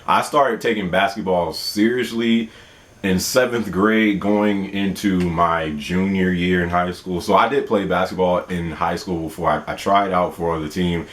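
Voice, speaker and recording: A man's voice: low voice, steady tone, unhurried, fairly bright tone. A man in his twenties hosting a casual question-and-answer vlog, playful and laughing often. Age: 20s. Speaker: gaming channel host.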